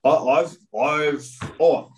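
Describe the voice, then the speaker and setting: A man's voice: fairly high pitch, fairly even intonation, drawn-out words. A man co-hosting a casual podcast, with a dry, matey sense of humour. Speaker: podcast co-host.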